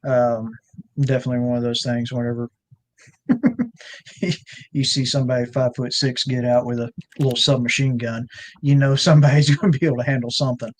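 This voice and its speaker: A man's voice: mid-range voice, flat delivery, fairly quick. Folksy man telling a rambling ranch story. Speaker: ranch owner and guest. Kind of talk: casual storytelling chat.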